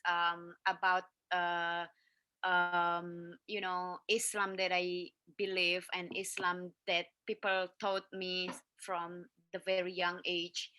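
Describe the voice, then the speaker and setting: A woman on an online panel, talking slowly and haltingly with frequent fillers and restarts. Her voice is bright and the sound is dry and close, the way a video call picks it up. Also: on the low side, clean tone, dry recording. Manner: hesitant, many fillers and restarts.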